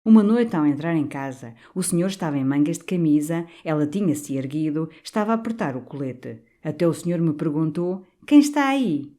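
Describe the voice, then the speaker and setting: A woman voicing a young, cynical male priest who talks back with defiant, sneering calm, for an audiobook. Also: sits low, brisk, few pauses.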